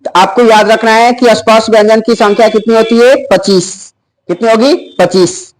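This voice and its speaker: A male teacher with a high voice runs an exam-prep grammar lesson. He says each term slowly, then asks his students to repeat it back. He addresses them directly throughout. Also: fairly even intonation, poor audio.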